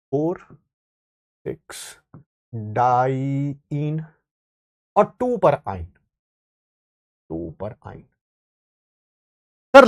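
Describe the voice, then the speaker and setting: Animated playful male chemistry teacher. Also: mid-range voice. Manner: playful, teasing students while writing on the board. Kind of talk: live online class, chatty explanation.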